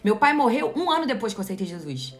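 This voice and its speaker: A woman's voice: fairly high pitch, big pitch swings, fast talker, slight background noise. Emphatic Brazilian woman mentor preaching online. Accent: Brazilian Portuguese. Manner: emphatic and direct, preachy, addresses the viewer as "you". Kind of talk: motivational live-stream talk to followers.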